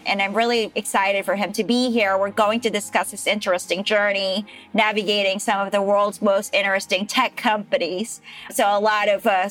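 A woman hosting a podcast interview, upbeat and quick to laugh, with frequent fillers. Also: medium pitch, fairly bright tone. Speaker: podcast host.

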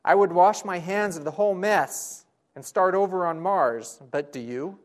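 A male pastor preaching a sermon, using rhetorical questions and repeated phrases, swinging from loud emphasis to hushed lines. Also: sits high, normal speed.

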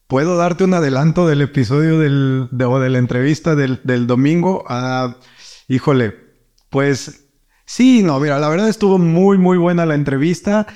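A man's voice: fairly high pitch, normal speed, darkish tone, clear, resonant tone. A man, hosting a sports interview show, chatting casually and upbeat as he promotes the next episode, often stopping and restarting his sentences. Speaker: host.

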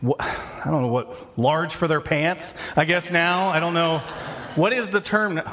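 A pastor with a fairly high, bright, pushed voice preaches a sermon at a measured pace. He talks through scripture in a casual, conversational way, often restarting and correcting his sentences.

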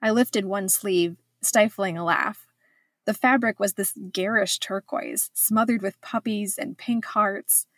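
A woman's voice: medium pitch, steady tone, slow, no echo, studio quality. A woman reading her own travel memoir aloud in scripted first-person narration, reflective with a wry edge.

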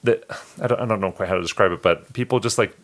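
A man's voice: fairly low pitch, fast, a bit bright. A man co-hosting a podcast, telling heartfelt personal stories in an earnest, emotional way. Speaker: podcast co-host. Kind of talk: casual podcast chat.

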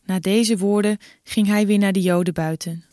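A woman narrating a Bible passage in an even, measured way. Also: mid-range voice, no echo, clean studio sound.

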